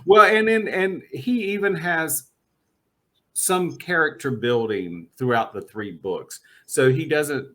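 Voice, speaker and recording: A man with a slightly high, animated voice speaks slowly with a sharp tone. He hosts a casual podcast interview, talking books with a guest in a chatty, enthusiastic way and laughing a lot.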